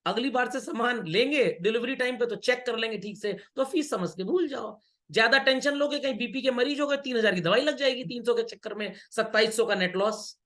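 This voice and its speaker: A middle-aged man gives an online business studies lesson in a high voice. His tone is bright and sharp. He mixes Hindi and English and keeps playfully scolding students and asking if they follow. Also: brisk. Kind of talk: online class lecture.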